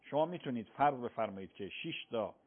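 Husky-voiced cleric on radio. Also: male voice, medium pitch, lively intonation. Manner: patient explaining, frequent affirming "yes, yes". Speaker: cleric answering religious questions. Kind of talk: radio call-in religious Q&A. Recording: phone-like radio broadcast sound.

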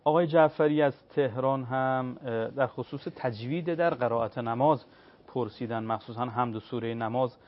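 A male host speaks courteously in an ordinary mid-range voice, passing viewers' questions on and greeting callers. The audio is slightly dull, like a television broadcast. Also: medium pitch. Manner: polite, relays viewers' questions. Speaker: program host. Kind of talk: call-in show hosting.

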